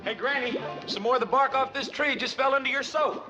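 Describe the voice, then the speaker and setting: A goofy, hollering hillbilly youth. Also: male voice, very high voice, big pitch swings, a little fast, highs cut off, music in the background. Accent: rural Southern US. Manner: hollering, gawky. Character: loud, goofy young hillbilly man.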